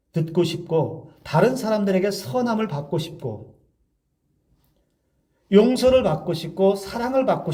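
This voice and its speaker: A man preaching a midweek sermon in a mellow, fairly high voice. He talks to the congregation conversationally, tossing out rhetorical questions and acting out little scenes. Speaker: pastor.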